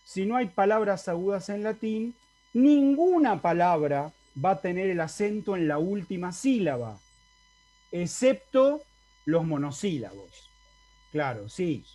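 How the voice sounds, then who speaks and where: This Argentine-accented university Latin teacher has a high, dark voice with lively intonation and a measured pace. Lecturing online via video call, he explains patiently and regularly checks with his students for confirmation.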